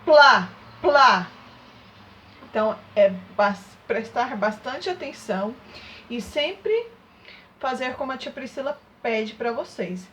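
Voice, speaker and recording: A woman's voice: fairly high pitch, lively intonation, a little slow, slight background noise. A woman teaching young children a remote lesson, sing-song and coaxing, with many check-in questions to her pupils. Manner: sing-song, coaxing questions, exaggerated loud demonstration of sounds. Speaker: primary school teacher.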